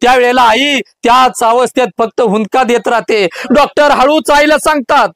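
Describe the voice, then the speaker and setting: Fervent, very high-voiced man telling a story. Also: fairly even intonation, moderate pace, a bit bright, dry recording. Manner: emotive, fervent, exhorting. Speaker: motivational speaker. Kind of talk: dramatic storytelling speech.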